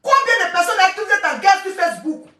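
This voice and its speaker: High sharp-voiced woman ranting on her live stream, lots of repeats and stammers, roomy echo, kinda far from the mic. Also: expressive, fast. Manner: scolding, repetitive, stammering restarts. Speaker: online coach doing a live stream. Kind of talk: angry live-stream rant. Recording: echoey room, voice off-mic.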